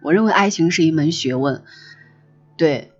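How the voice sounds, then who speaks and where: A woman's voice: low voice, normal speed, highs cut off, soft background music. A woman hosting a livestream, chatting casually and reflectively and often restating her phrases. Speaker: livestream host. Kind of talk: casual reflective chat with listeners.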